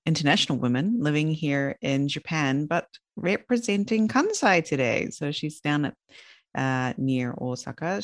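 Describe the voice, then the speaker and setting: A woman's voice: sits low, no echo, clean studio sound. A woman hosting a podcast, chatting in an upbeat way and laughing easily as she introduces and welcomes a guest. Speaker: podcast host. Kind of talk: casual podcast talk.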